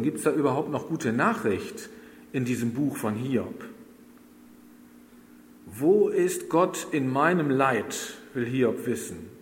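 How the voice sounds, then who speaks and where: A man preaching a sermon in a slow, earnest manner, addressing his congregation directly. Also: a little high, echoey room, long reverb tail, a little hiss or hum. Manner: slow, earnest delivery with long pauses.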